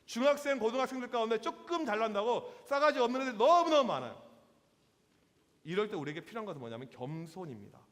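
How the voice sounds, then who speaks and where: Animated high-voiced male youth pastor. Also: fast. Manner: lively, acts out quotes in voices, slangy with teens. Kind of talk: sermon to teenagers. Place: church hall. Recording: long hall reverb.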